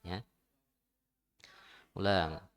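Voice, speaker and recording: A man's voice: low-pitched, steady tone, smooth. A man teaching Quran recitation, modeling each syllable and patiently correcting pronunciation. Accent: Indonesian. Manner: repeats syllables slowly and corrects gently.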